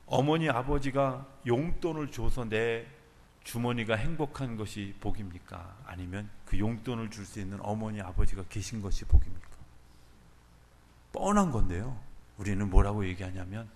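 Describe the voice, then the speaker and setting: A man preaching a sermon as pastor, swinging from loud urging to soft near-whispers. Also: on the low side, moderate pace. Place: church sanctuary. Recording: church hall with long reverb.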